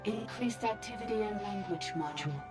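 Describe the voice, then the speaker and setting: A woman voicing an ancient service robot whose words come through a choppy, glitching signal that keeps breaking up. She speaks in flat, clipped, report-like phrases. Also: mid-range voice, brisk, over loud music. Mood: terse. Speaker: service bot contacting the party remotely. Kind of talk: video game voice acting.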